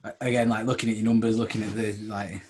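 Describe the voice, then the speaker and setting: A man's voice: fairly low pitch, flat delivery, fast, darkish tone, a little hiss or hum. A man in his thirties hosting a podcast, rambling and self-mocking, laughing often. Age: 30s. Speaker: podcast host. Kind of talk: casual podcast chat.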